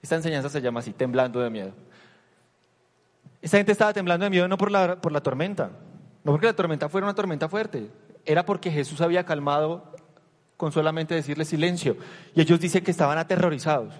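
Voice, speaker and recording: Male preacher with a higher-pitched voice, animated and conversational, recorded in a reverberant church hall. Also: quick pace. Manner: animated, asks the listeners rhetorical questions. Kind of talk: conversational sermon.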